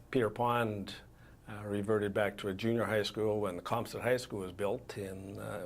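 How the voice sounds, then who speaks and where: An older man from Saskatchewan, a retired school principal, answering interview questions in a calm, measured, matter-of-fact way. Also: fairly low pitch, slight background noise.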